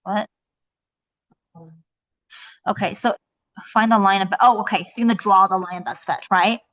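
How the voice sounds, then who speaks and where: A woman math teacher talks through a worksheet one step at a time, estimating aloud and often pausing to ask "right?" Her voice is bright and forward, in a middle register for a woman. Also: mid-range voice, fairly even intonation, poor audio. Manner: tentative, thinks aloud while estimating.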